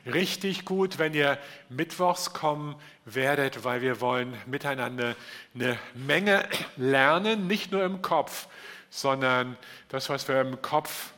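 A man's voice: medium pitch, slow pace, bright, forceful tone. A middle-aged man preaching a sermon at a church service into a microphone, earnestly asking his listeners direct questions. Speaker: pastor. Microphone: handheld microphone.

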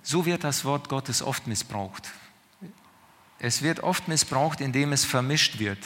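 A man's voice: mid-range voice, expressive, bright, forceful tone, slight background noise. A man preaching a sermon in a conversational, questioning way, often checking in with his listeners. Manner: questioning, conversational, drawn-out pauses. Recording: long reverb of a hall.

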